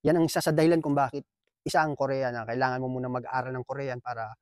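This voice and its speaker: A Filipino man, a factory worker, telling an earnest, animated story in a casual vlog. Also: medium pitch, quick pace, no room sound, clean studio sound.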